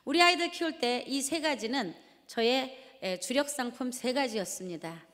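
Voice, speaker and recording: A woman's voice: sits high, normal speed. A middle-aged woman from Jeonju, giving a storytelling testimony sermon and asking the audience questions as she acts out scolding. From Jeonju, South Korea. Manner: animated, asks the audience questions and acts out shouting at her children. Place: large church hall. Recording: reverberant large hall.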